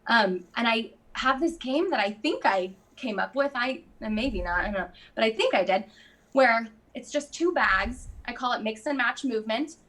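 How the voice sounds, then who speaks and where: A woman guest in casual conversation, chatty and quick to laugh, with lots of fillers. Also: a little high, animated, a bit bright. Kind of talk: casual chat.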